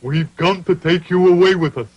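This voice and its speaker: A menacing rabbit come for the dying in a cartoon. He speaks slowly and ominously, a little higher than a typical man. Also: husky, lo-fi sound. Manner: slow, menacing.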